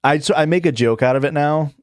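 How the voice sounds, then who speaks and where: A young adult man on a live stream reads questions aloud and answers in a rambling, casual way, full of fillers, restarts, self-corrections and chuckles. His voice is on the high side and quick, recorded cleanly in a studio with no room sound.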